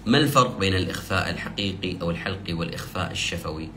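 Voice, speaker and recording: A man teaching the rules of Quranic recitation, explaining step by step and slowly drawing out the example verses he recites. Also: sits low, pushed and bright, slight background noise. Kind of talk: tajweed lesson.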